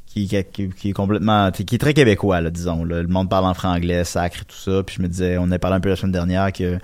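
Casting: Quebec-accented male podcast host, low-pitched, loose and rambling. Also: level tone, fast talker, darkish tone, no echo. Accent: Quebec French. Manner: rambling, many fillers and restarts. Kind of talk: casual chat about box office.

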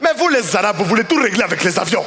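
A man's voice: high-pitched, sing-song, rapid-fire, over loud music, pitched above the performer's own voice. A man voicing a pushy, proud adult male customer who talks in an insistent, lecturing way.

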